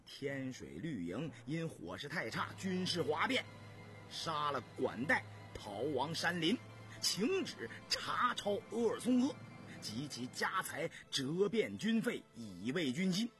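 A man narrating a historical novel in a measured, vividly expressive storytelling style. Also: on the high side, soft background music.

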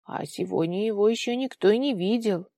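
A slight, tender aunt, played by a woman reading the story, speaking slowly and softly. Her voice sits at a middle height and sounds dry and close. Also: mid-range voice, vocal fry, dry recording, close to an everyday voice. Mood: hushed.

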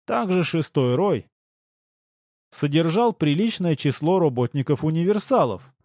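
A man reading a first-person novel aloud in a steady, even storytelling voice. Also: a little high, a little slow, dry recording, clean studio sound. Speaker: audiobook narrator. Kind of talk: scripted first-person audiobook narration.

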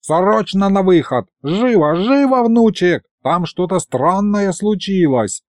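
A fussy old grandfather who is always in a hurry, insistent and bossy, his voice lifted higher than normal; a man plays him. His pitch swings widely from word to word. The sound is dry and close. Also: animated, a little mellow, no room sound. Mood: urgent. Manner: hurried, insistent.

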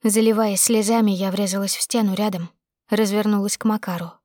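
A woman's voice: mid-range voice, steady tone, fairly quick, dark tone, dry recording, clean studio sound. Woman narrating a tense audiobook. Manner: tense, emotional storytelling. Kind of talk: first-person dramatic audiobook narration.

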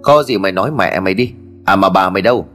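A man's voice: deep voice, fast talker, a bit bright, soft background music. A man voicing a bad-tempered, half-deaf middle-aged village chief who curses and scolds in a storybook tale. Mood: irritable. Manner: gruff, scolding, cursing.

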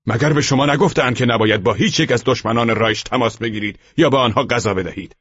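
A man's voice: mid-range voice, fairly bright tone, slightly rough, no room sound, muffled recording. A man playing a cruel sneering guard. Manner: contemptuous, menacing. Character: cruel sneering male prison-camp guard.

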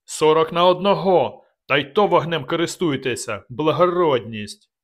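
A man's voice: on the high side, normal speed, pitched above the performer's own voice, natural voice. A man voicing a furious, stout male nobleman who bellows curses while cornered, in an audiobook. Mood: raging. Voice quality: roaring, bellowing.

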